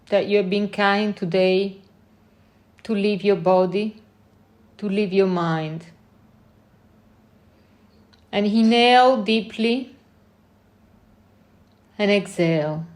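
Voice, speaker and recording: A woman leading a guided meditation in a calm, unhurried way, with long pauses between short phrases. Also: mid-range voice.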